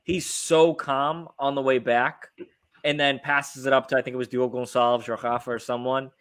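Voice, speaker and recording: This American man hosts a laid-back football fan podcast, talking through the game informally. His medium-pitched voice is a bit bright, with a flat delivery at normal speed.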